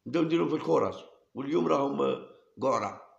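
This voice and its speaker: A man's voice: mid-range voice, racing, vocal fry, reverberant, highs cut off. A man with an Algerian Arabic accent hosting his own channel, talking defiantly and repeating his challenges. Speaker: YouTube channel host. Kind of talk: heated solo monologue to camera.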